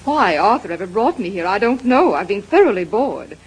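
An actress playing a vain, bored society fiancée with a haughty manner in an old-time radio drama. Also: female voice, mid-range voice, very animated, normal speed, slightly rough, poor audio. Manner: haughty, languid.

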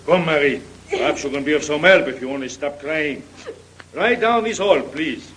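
An actor playing an excitable French innkeeper in an old-time radio drama, speaking broken English with a French accent and a fussy manner. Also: male voice, a little high, normal speed, a little hiss or hum, low-quality recording. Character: excitable French innkeeper, middle-aged man.

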